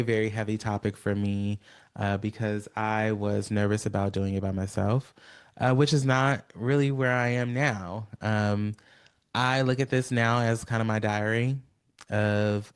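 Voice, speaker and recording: A man hosting his own podcast alone, rambling with many fillers and long pauses, sounding tired, recorded on a phone. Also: on the low side, clean tone. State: tired, yawning. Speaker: podcast host. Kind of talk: solo podcast monologue.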